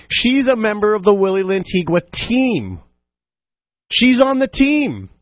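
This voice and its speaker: A man hosting a talk radio show, giving opinionated commentary with sarcastic, animated asides. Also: sits high, no room sound, highs cut off. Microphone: studio microphone.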